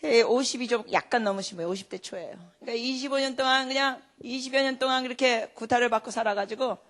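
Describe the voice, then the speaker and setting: A woman preaching a sermon. She tells stories and asks the congregation questions, swinging between loud emphatic lines and hushed whispers. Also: on the high side, fast. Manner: storytelling with rhetorical questions to the congregation.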